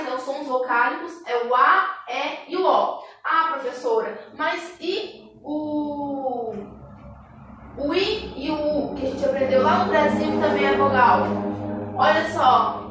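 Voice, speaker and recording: Woman teacher, high voice, patient drilling delivery; distant mic in a very echoey room. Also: a bit bright, a little hiss or hum. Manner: patient, repeats examples slowly, tag questions. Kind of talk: online grammar lesson.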